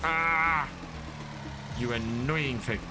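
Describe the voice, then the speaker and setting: A man streaming a farming game talks very slowly in a mid-range voice, thanking followers and fielding questions from his live chat in a casual way. The background is noisy, with game music playing.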